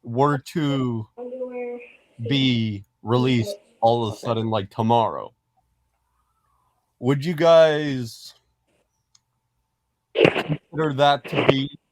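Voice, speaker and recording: A man's voice: mid-range voice, takes it slowly, long pauses, dry recording. A man co-hosting a casual fan podcast, talking in a rambling, hesitant way with many restarts. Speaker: podcast co-host.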